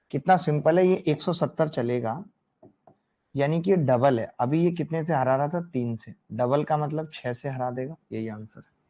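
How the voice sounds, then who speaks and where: A man teaching math in a lively classroom lecture, addressing students directly and playfully. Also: on the high side.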